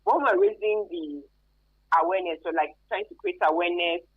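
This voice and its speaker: Heard over a thin phone line, a woman with a Nigerian accent speaks a little fast in a lowish, slightly rough voice. She's an expert guest on human trafficking, explaining things emphatically and spontaneously in an interview.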